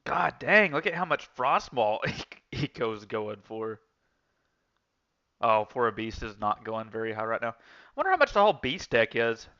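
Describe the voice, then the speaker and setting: Casual streamer man, bright, high-ish voice, rambling chat, lo-fi mic. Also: big pitch swings, moderate pace. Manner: rambling storytelling, many restarts and fillers.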